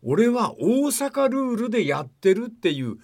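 A man's voice: very high-pitched, sing-song, normal speed, a little mellow. An older man hosting a radio talk show, telling stories in a rambling, folksy way and putting questions to his co-host.

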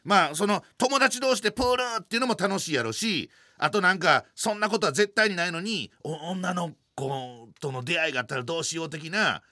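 A man in his forties with a Kansai accent, telling a funny story in a lively, self-mocking way. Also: high-pitched, fairly quick, hardly any pauses, no room sound, clean studio sound. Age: 40s. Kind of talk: comic storytelling chat.

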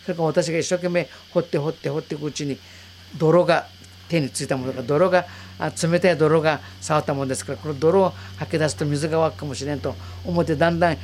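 A woman's voice: low voice, steady tone, quick pace, a little mellow, a little hiss or hum. Earnest elderly woman recounting memories. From Okinawa, Japan. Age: 80s. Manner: vivid, earnest, re-enacts voices and calls. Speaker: war survivor giving testimony. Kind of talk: personal storytelling in an interview.

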